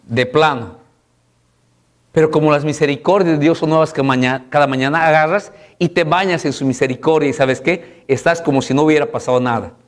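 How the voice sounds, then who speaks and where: Impassioned male pastor preaching. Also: brisk. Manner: impassioned preaching with repeated rhetorical questions and call-and-response; swings between loud high exhortation and low soft passages. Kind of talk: sermon.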